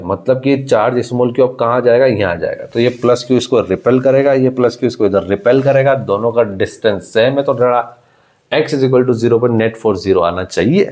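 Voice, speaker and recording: A man's voice: mid-range voice, a little mellow. Man teaching physics step by step. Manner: talks students through each step, calling them "beta" and "my child"; repeats key phrases for emphasis. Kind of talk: exam-prep blackboard lecture.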